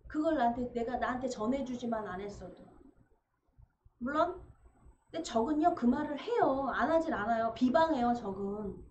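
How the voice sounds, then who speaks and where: A woman pastor preaching a sermon in an animated way, acting out quoted conversations. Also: on the high side, moderate pace. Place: church sanctuary. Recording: echoey church room, dull sound, faint noise.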